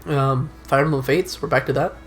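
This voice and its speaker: A man co-hosting a casual video game stream, eager and quick to laugh, often stumbling over restarts. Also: mid-range voice, steady tone, faint music behind. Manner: enthusiastic, laughs a lot, stammers on restarts. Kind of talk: casual gaming stream banter.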